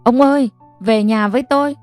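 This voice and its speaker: A woman voicing a gentle, worn-out middle-aged wife who pleads tearfully in an audiobook. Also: fairly high pitch, a little fast, dry recording, faint music behind, voice pushed up, natural voice. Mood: pleading.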